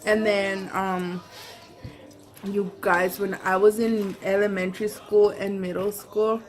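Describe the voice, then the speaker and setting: A woman's voice: medium pitch, flat delivery, takes it slowly. A woman vlogger talking casually to her viewers while eating. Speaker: vlogger and mother.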